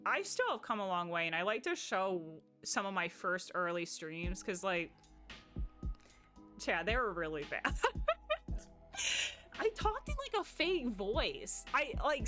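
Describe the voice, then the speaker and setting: A young woman with a Midwestern American accent chats casually to her stream chat, her voice medium in pitch with a sharp tone. She rambles, leaning heavily on "like" and restarting her sentences often.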